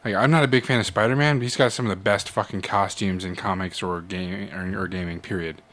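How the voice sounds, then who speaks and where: A man's voice: low-pitched, fairly even intonation, fairly quick, a bit bright, slight background noise. A young adult man in casual chat, explaining trivia in long runs and swearing.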